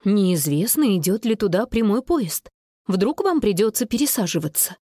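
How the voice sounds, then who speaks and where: A woman voicing a careful, worrying mother in a children's story, in a measured tone. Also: mid-range voice, animated, mellow, dry recording, studio quality, lightly acted. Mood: firm. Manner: measured, mildly worried.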